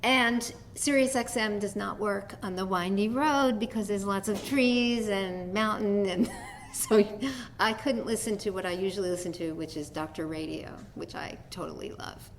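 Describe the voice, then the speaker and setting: A woman's voice: mid-range voice, moderate pace, slight background noise. A middle-aged woman from New York with a New York accent, giving a conversational dharma talk as a teacher, telling stories with light laughs. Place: meditation hall talk.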